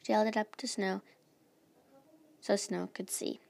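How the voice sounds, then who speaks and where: A woman's voice: mid-range voice, steady tone, measured pace, gravelly, darkish tone. A woman reading her own fan story aloud in a plain, unpolished way. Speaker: story reader.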